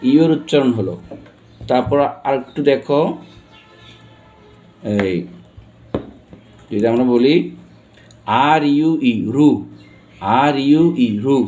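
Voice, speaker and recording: Soft music plays in the background as a Bangladeshi-accented teacher, his mid-range voice warm and slow with many pauses, runs a pronunciation class. He spells out words one letter at a time and keeps asking students questions.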